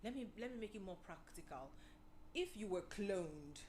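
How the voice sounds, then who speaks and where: A woman talks straight to the camera as host of a love-advice show. Her voice sits at an ordinary middle pitch, and she is chatty and earnest, circling back over her points and putting questions to the listener. A faint hiss runs under the recording. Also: lively intonation, moderate pace, a little mellow, rough recording. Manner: earnest, repetitive, conversational, often asking the listener questions. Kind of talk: casual advice monologue.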